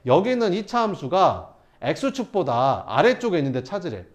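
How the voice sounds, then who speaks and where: A man's voice: a little high, big pitch swings, measured pace. A man teaching math to students, asking rhetorical questions and answering them himself. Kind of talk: lecturing students through problems.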